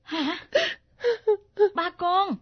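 A young daughter speaks through tears in a high voice. The radio drama sound is muffled. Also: female voice, extremely slow, exaggerated voice. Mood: puzzled. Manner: tearful, pleading. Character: young woman, grieving daughter.

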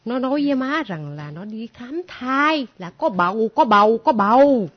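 A chatty older sister who wheedles and jokes, played by a woman. She has a high, animated voice, and the sound is muffled and lo-fi. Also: normal speed, slightly rough. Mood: amused. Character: cheerful older sister, jokey. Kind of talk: comic stage play acting. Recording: muffled lo-fi recording.

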